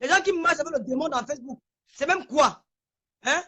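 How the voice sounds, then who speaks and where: A high-voiced woman furiously ranting on a phone live stream. She trembles with anger, repeats her insults again and again, and stammers when the words pile up. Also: a little fast, fairly bright tone. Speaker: livestreamer. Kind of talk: angry livestream rant.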